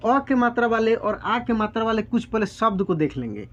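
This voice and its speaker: A man's voice: high-pitched, big pitch swings, brisk. A man teaching a spelling lesson, patiently breaking words into sounds step by step. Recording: dull lo-fi sound.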